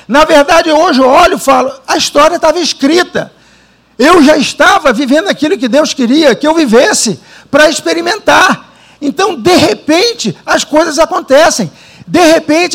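A man from Brazil preaching a sermon, telling his own story with dramatic pauses and animated delivery. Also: extremely high pitch. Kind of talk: sermon with personal testimony.

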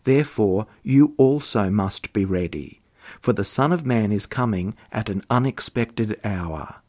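A man, a clergyman, delivering scripture readings and a homily in a measured liturgical style. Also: fairly low pitch, a little mellow.

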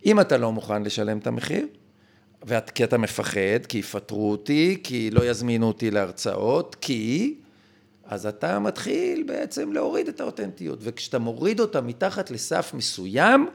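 A man's voice: mid-range voice, huge pitch swings, gravelly. A male podcast guest explaining his ideas in an emphatic, lecturing way. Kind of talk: conversational explanation.

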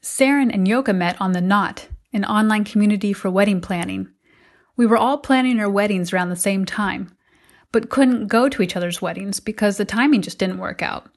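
A middle-aged American woman from the United States hosts a personal podcast, narrating from a prepared script. Her voice is mid-range and her pace moderate.

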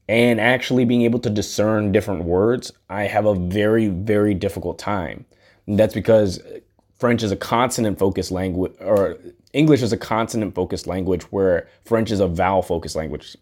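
Lowish-voiced man musing aloud. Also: a little mellow. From United States. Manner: earnest, rambling, swears casually. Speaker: podcast host. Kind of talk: casual solo monologue.

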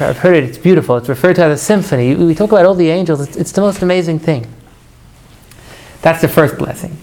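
A man teaching a Torah class to students, animated, asking rhetorical questions and mixing in Hebrew prayer phrases. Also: on the high side. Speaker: religious teacher.

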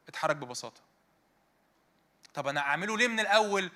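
A man in his thirties or forties with an Egyptian Arabic accent, preaching a conversational sermon to a youth meeting and firing rhetorical questions at his listeners. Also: a little high. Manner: animated, fires rhetorical questions at the audience.

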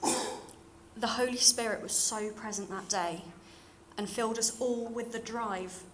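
A young woman from London, England speaks to a church congregation, offering an earnest, plain personal testimony in a modern British accent with a hint of RP. Her voice is fairly high, her intonation fairly even and her pace unhurried. The recording is low in quality, with clearly audible background noise and room ambience.

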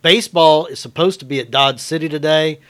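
Bright-voiced American man chatting on sports radio. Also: fairly high pitch, fairly quick. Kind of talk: casual chat. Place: radio studio.

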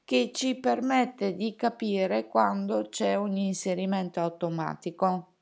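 A woman's voice: mid-range voice, fairly even intonation, slow pace, creaky, darkish tone. A woman explaining phone settings step by step in a tutorial, with fillers and self-corrections. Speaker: teacher demonstrating a phone.

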